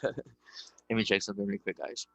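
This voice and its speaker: Man, casual spiritual lecture, gravelly voice, emphatic rhetorical questions, dry close sound. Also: on the low side, level tone, quick pace, fairly bright tone, dry recording, dull audio. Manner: swears casually.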